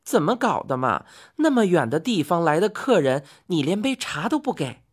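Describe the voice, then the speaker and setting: A woman voicing Chang'e, a vain, quick-tempered young wife who scolds shrilly, for a spoken storybook. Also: lowish voice, sing-song, background noise. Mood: eager.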